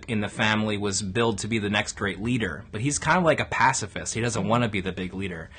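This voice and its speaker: A man's voice: fairly low pitch, fairly bright tone, breathy edge. A man co-hosting a casual chat about new comics, enthusiastic and jokey, stretching words for emphasis. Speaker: co-host of comic book show.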